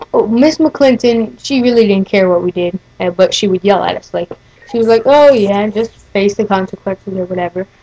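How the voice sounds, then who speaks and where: A woman's voice: mid-range voice, a little mellow, low-quality recording. A teenage-sounding woman telling a story casually over gameplay, rambling with many fillers and restarts. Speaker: gaming video host.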